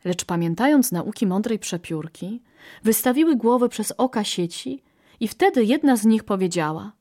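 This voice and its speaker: A woman narrating a fable in a gentle, measured storybook style. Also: medium pitch, animated.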